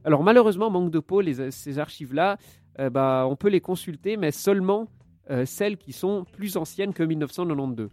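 A man with a fairly high, lively voice talks briskly and a little mellowly, hosting a casual radio-style chat as a podcast co-host. Raised speaking Italian alongside French, he jokes, chats, and drifts into asides. The sound is dry with no echo, and faint music plays behind him.

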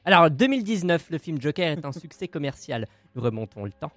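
A man co-hosts a casual podcast, leaning into a playful, theatrical delivery. His voice sits fairly high, and the recording is dry and close, with faint music underneath. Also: sing-song, a little fast, fairly bright tone, no room sound. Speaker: podcast co-host presenting a segment.

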